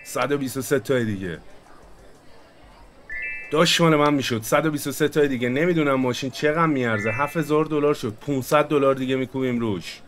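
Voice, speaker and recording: A man's voice: mid-range voice, fairly bright tone, soft background music. Chatty man narrating his gameplay. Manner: chatty, jokey, talks to himself and viewers while playing. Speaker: gaming channel host. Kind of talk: casual let's-play commentary.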